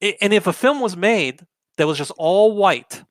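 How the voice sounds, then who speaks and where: A young adult man hosts an opinionated political commentary show, arguing emphatically and firing off lots of rhetorical questions. His voice sits high with lively intonation at a normal speed, and there's no room sound.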